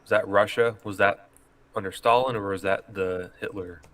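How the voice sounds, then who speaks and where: A man hosts a casual paranormal chat. He asks questions and offers theories about what is behind the events. His voice is low and bright. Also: fairly even intonation, normal speed. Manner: probing questions, speculative explanations. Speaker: host.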